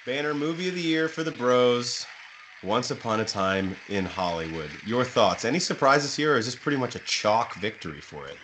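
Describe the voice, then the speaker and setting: A man's voice: mid-range voice, animated, moderate pace, a bit bright, slight background noise, poor audio. A man co-hosting a podcast in casual, joking banter. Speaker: podcast co-host.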